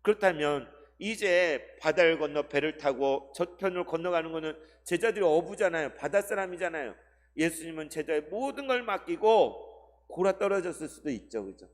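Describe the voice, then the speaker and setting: Male pastor, sunday sermon, rather high voice, rhetorical questions, long church reverb. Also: animated, moderate pace. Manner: addresses the congregation with rhetorical questions; dramatic shifts between loud and soft delivery. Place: church sanctuary.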